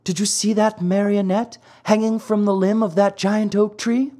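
A storybook reader voicing a kind fairy over a thousand years old, speaking high, gentle and earnest. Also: little pitch movement, moderate pace, close to an everyday voice. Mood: gentle, commanding.

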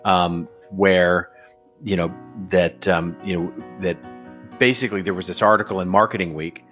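A man's voice: low-pitched, steady tone, normal speed, fairly bright tone, soft background music. A man with a Texan accent, a regular guest on a podcast, talking in a rambling, casual way with many fillers and restarts. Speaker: regular guest, strategy advisor.

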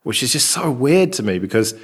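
An English man chatting casually and rambling a bit, recorded with a big hall echo in a large, open flat with a concrete floor. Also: medium pitch, brisk, breathy edge. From England. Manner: rambling and chatty, with many fillers. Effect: big hall echo from an enormous, bare room. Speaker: podcast co-host. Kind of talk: casual chat.

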